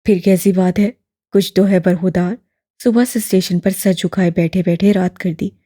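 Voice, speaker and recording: An elderly male imam, kind and unhurried, voiced by a woman reading an audiobook. He speaks in a steady, fatherly tone, low and dark with a husky edge, and sits close and dry on the mic. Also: no room sound, natural voice. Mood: gentle. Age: older. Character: kindly elderly male mosque imam, calm and patient.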